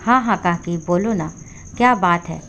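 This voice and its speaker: A woman's voice: lowish voice, moderate pace, a bit bright, a little hiss or hum, pitched below the performer's own voice. Woman doing a kind young neighbor. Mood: kindly.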